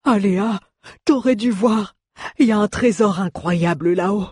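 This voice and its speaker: A reader voicing an injured male dwarf in an audiobook, talking loud and strained in a high voice. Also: animated, a little slow, husky, no echo, studio quality. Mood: eager. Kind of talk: audiobook character voice.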